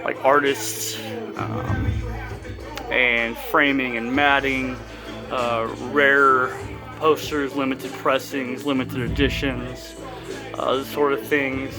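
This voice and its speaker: A man in his thirties with a lisp and whistling s, giving a casual, halting video tour of his collection at home. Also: mid-range voice, level tone, over music. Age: 30s. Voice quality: lisp with whistling s from new braces. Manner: halting, pauses mid-sentence. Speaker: collector presenting own collection. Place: inside a house.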